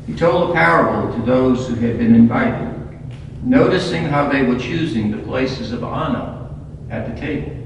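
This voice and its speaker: A man, a priest, reading the gospel and preaching at Mass in a measured, deliberate way, heard with a cathedral echo. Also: mid-range voice, background noise. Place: large church. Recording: distant, echoey church recording, slightly muffled.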